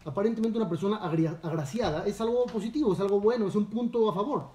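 A man's voice: sits high, fast, mellow. A man, a rabbi teaching a Torah lesson, telling a story and asking his listeners questions. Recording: echoey room, distant mic.

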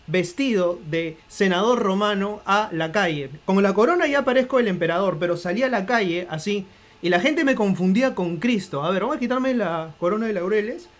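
A Peruvian man with a high voice hosts a live stream, chatting straight to his viewers. He plays it up with theatrical flair and lots of joking. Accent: Peruvian Spanish. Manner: playful, theatrical, addresses viewers directly. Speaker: host of a live book podcast. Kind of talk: live-stream casual chat.

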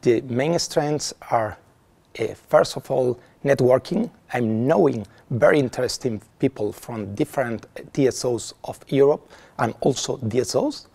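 A man in his forties from Spain speaking English with a Spanish accent, slow and careful in a classroom testimonial. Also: medium pitch, creaky, darkish tone, breathy edge. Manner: slow, non-native phrasing. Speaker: strategic planning manager. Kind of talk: testimonial interview.

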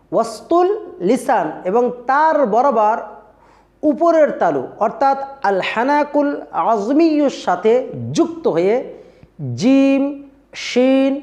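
A man's voice: very high voice, a little mellow. A man teaching the pronunciation of Arabic letters, addressing viewers as dear friends and drilling each sound over and over. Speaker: Quran recitation teacher.

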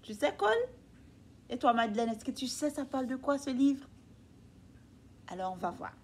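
A woman's voice: high-pitched, moderate pace, darkish tone, slight background noise. A woman teacher reading a picture book aloud to young children, patiently asking them questions. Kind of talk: children's read-aloud lesson.

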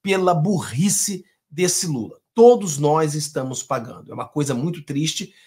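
A man's voice: a little high, expressive, measured pace, mellow. Combative Brazilian man commenting on clips. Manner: combative, sarcastic, emphatic. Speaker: political commentator. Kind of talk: opinionated commentary over clips.

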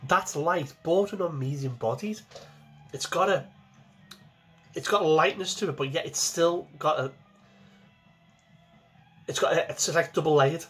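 A man's voice: fairly high pitch, a little slow, long pauses, fairly bright tone, husky, soft background music. A man in his forties, talking casually to camera from a small home kitchen as he reviews a beer, chatty and repeating himself as he goes.

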